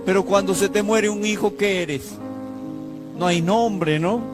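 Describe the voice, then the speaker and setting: A man's voice: sits high, unhurried. Emotional preaching man over music. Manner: emotional storytelling preacher, addresses the congregation directly. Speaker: pastor. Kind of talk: sermon. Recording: music playing behind. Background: instrumental music.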